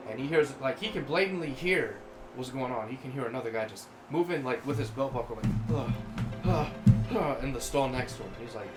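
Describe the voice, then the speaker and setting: A podcast co-host tells rambling, crude stories about work in a casual chat, acting out the voices of the people he quotes. His voice is mid-range, and the audio is poor and reverberant.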